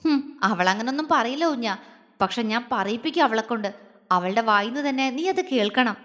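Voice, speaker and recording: A woman voicing a grown man who is protective and tender, talking in a calm, serious, reassuring way. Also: a little high, moderate pace, in a large hall.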